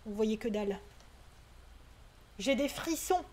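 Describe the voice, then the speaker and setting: A woman streams a horror game in a bright, high voice. She talks in jumpy, anxious bursts, swearing and exclaiming as she goes, pleading for it all to stop. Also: lively intonation, slow pace, a little hiss or hum. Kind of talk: live gaming commentary.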